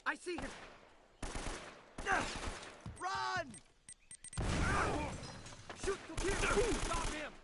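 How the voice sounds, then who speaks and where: An actor playing shouting male mercenary enemies in a video game gunfight, barking commands. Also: very high voice, drawn-out words, gravelly, long pauses, very noisy, heavily acted. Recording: loud gunfire behind game audio.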